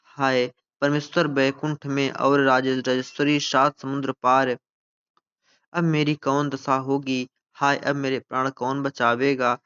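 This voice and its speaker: A man voicing a male personification of India who grieves and laments, reading the lines slowly and mournfully. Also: mid-range voice, level tone, fairly bright tone, clear, resonant tone, lo-fi sound, natural voice. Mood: terrified. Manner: slow mournful recitation of dramatic text.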